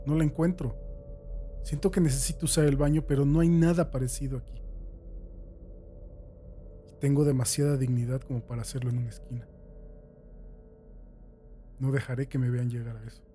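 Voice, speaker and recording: A man's voice: mid-range voice, steady tone, moderate pace, pauses often, a little hiss or hum. A man reading a first-person horror story aloud as a dramatic scripted narration. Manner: dramatic reading that swings from hushed to shouted.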